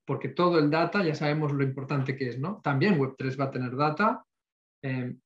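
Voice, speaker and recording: Higher-voiced man in an echoey room. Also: normal speed, fairly bright tone. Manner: reflective, frequent tag questions and English tech terms. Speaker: panel participant. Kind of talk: informal expert discussion. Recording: echoey room, dull lo-fi audio.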